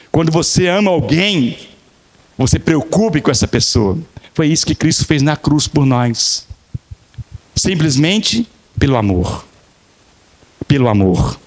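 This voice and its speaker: A man preaching a sermon as pastor, telling stories with emphatic repetition and acting out the dialogues. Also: a little high. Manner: dramatic storytelling, acting out dialogues.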